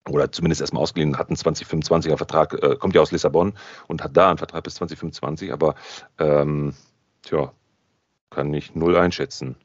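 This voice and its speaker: A man's voice: rumbling low, fairly even intonation, fast, no echo. A man hosting a casual podcast chat, chatty and jokey, thinking aloud as he goes. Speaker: podcast host. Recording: dull lo-fi sound.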